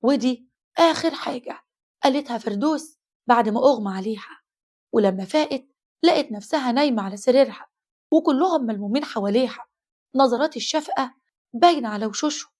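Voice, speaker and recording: A woman with an Egyptian accent narrating a horror story in a brisk, suspenseful way. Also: fairly high pitch, animated, a little mellow.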